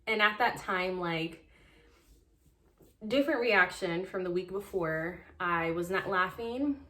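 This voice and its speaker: A woman's voice: fairly low pitch, slow, pushed and bright. A young woman casually telling a personal story, chatty and full of filler words. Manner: chatty, heavy use of "like" and "um". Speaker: vlogger. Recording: echoey room.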